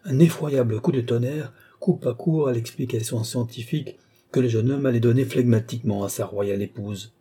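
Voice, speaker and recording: Man, audiobook narrator, scripted narration, husky, mellow dark tone. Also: mid-range voice, moderate pace. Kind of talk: scripted narration of a classic novel.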